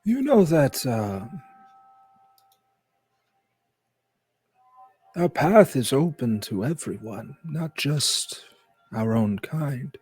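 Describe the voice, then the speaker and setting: A man voicing a calm, cryptic old wandering mystic with a raspy, aged voice and a musing manner in a tabletop game. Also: mid-range voice, no echo, soft background music, pitched above the performer's own voice, heavily acted. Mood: gently admonishing. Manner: slow, musing, unhurried. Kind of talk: tabletop game role-play.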